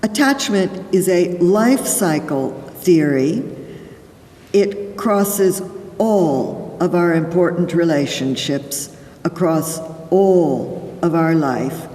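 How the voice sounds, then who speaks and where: A woman psychologist giving a conference lecture, explaining deliberately and stressing key words. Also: on the low side, warm tone. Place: large conference hall. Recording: echoey hall, voice from far off the mic.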